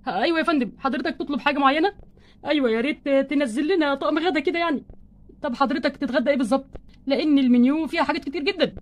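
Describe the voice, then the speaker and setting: A polite, formal male waiter from a doll play, voiced by a woman, with an Egyptian accent. He is courteous but impatient. He speaks at a very quick pace in a high register. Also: close to an everyday voice. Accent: Egyptian Arabic.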